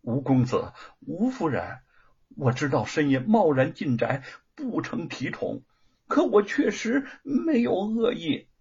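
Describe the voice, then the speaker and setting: In a storybook reading, a man performs a full character voice as a humble, reformed ex-thief who is grateful and anxious. His voice is pushed up, a little high, sing-song, slightly mellow and a bit rough, and he sounds eager and anxious, speaking nervously and hurriedly while stumbling over hesitant fillers. The recording is dull and lo-fi.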